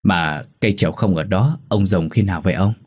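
Một người đàn ông giọng trầm khàn lồng tiếng một bà vợ nông thôn lớn tuổi hay lo lắng, nói lắp khi sợ hãi. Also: male voice, deep voice, brisk, darkish tone, slightly rough. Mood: uneasy. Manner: anxious, stammering when scared. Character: worried older village wife, anxious, fussing.

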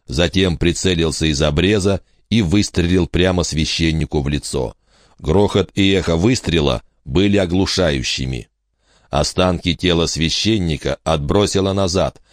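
A man narrating a horror audiobook in a measured, steady storytelling manner. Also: deep voice, no echo, clean studio sound.

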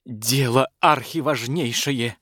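A man's voice: mid-range voice, takes it slowly, fairly bright tone, no echo, studio quality. A man voicing a scheming, fawning male court butler who whines and pleads. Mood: pleading. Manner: pleading, wheedling.

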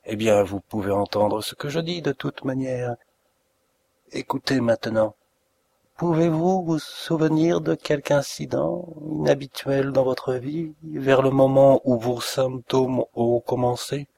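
A man's voice: mid-range voice, vocal fry, mellow, voice pushed up. A man reading a gloating, sneering villain. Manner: mocking, taunting, slow and deliberate. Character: cruel sneering male planter, middle-aged, gloating. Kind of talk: audiobook reading.

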